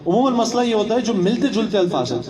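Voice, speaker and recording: A man's voice: sits high, sing-song, a little mellow. A young man giving a religious training talk, asking rhetorical questions, repeating phrases and mixing in English words. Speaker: religious instructor. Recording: echoey hall, voice from far off.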